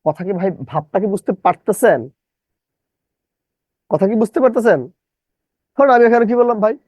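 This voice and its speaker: A man's voice: sits high, expressive, a little fast, a little mellow, no echo, poor audio. A middle-aged man from Bangladesh teaching a live online English lesson. He repeats his own questions and breaks words into syllables.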